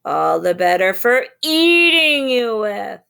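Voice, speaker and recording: A woman's voice: a little high, big pitch swings, slow, creaky, bright, forceful tone, smooth, pitched above the performer's own voice, heavily acted. A woman doing a sly, growly big bad wolf. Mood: false sweetness. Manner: sly, growly, wobbly when faking grandma. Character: sneaky hungry big male wolf.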